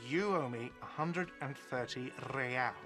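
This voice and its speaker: An actor voicing an irritable, sarcastic hostel manager in a detective video game who scolds a guest about an unpaid bill. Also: male voice, mid-range voice, unhurried, music in the background, close to an everyday voice.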